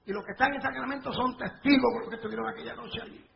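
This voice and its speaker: High-voiced fervent male evangelist preaching. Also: steady tone, very fast, vocal fry. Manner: fervent storytelling, rising to shouts at climaxes. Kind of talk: live revival sermon with testimony. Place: church or revival meeting before a live congregation. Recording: dull lo-fi recording with faint noise.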